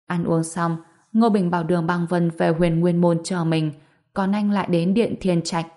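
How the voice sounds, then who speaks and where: Steady low-voiced female narrator. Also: normal speed. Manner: steady storytelling. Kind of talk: audiobook narration.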